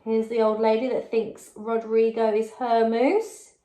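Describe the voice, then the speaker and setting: A woman with a somewhat high voice reads a story to young pupils at a measured pace. As their primary teacher, she's lively and encouraging, dropping in chatty remarks and questions for the children.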